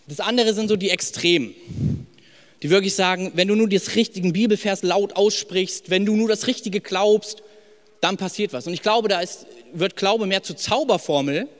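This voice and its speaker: A young man preaching a sermon in a personal, emphatic way, dropping to soft lines and rising to loud ones. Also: high voice. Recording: long hall reverb with faint music.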